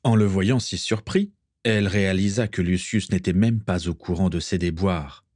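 A man narrating a storybook aloud with an expressive reading. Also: sits low, normal speed, no echo, clean studio sound. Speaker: audiobook reader.

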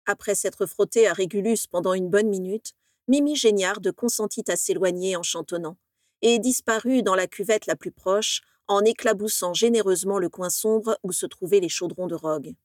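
Woman reading a fanfic out loud, steady narrator voice, dry recording. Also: mid-range voice, moderate pace, dry recording. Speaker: reader. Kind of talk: audiobook narration of fan fiction.

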